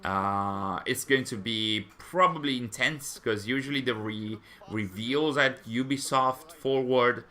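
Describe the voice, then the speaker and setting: Hosting a fan channel's live stream, a man chats with viewers and reads their comments, rambling and hesitant in a conversational style. His medium-pitched voice is bright and forceful, unhurried, and he rarely pauses.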